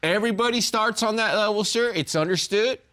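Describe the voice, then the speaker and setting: A man's voice: high voice, a little fast, fairly bright tone. A man speaking as a defendant in a TV court, insistently and defensively arguing his case. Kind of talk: TV court litigant argument.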